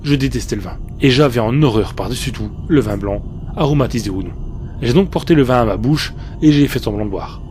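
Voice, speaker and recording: A man narrates a scripted horror tale in the first person. His voice is dark and mellow, set at an ordinary male pitch. Faint music plays underneath. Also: fairly quick. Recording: faint music bed behind the voice. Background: soft background music.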